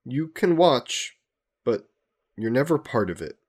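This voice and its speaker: A man voices a courteous, reflective vampire scholar, immortal, gentle, and wistful, in an intimate audio roleplay, pausing hesitantly as he muses. His voice is mid-range but swings widely in pitch.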